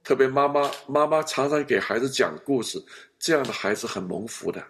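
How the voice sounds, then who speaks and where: Male pastor, animated storyteller with a gravelly edge; counseling talk. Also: medium pitch, brisk, a little hiss or hum. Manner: animated storyteller, acts out family scenes.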